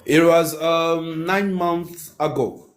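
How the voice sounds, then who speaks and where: A man in his thirties with a Congolese French accent, a native French speaker answering in halting, simple English in a casual live interview. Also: fairly high pitch, fairly even intonation. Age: 30s. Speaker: pastor, guest caller. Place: live video call.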